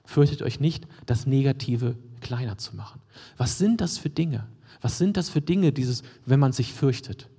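Male preacher, conversational sermon, husky and mellow, long hall echo. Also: medium pitch, lively intonation, normal speed. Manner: conversational, asks the audience questions, frequent "ne?" and "ja?"; drops to a near whisper for emphasis.

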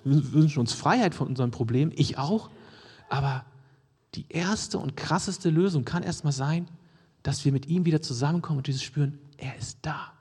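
Male preacher, conversational sermon, husky and mellow, long hall echo. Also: fairly high pitch, normal speed. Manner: conversational, asks the audience questions, frequent "ne?" and "ja?"; drops to a near whisper for emphasis.

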